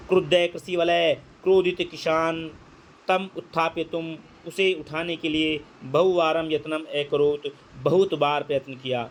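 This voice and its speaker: Man teaching Sanskrit line by line. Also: on the high side. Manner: reads Sanskrit slowly, then explains in Hindi. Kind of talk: line-by-line translation lesson.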